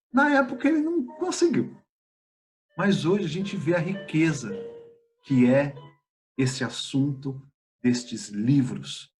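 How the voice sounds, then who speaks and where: A man with a Brazilian Portuguese accent giving a spiritist study lecture, speaking in a measured, halting way with pauses and filler sounds. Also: medium pitch, darkish tone.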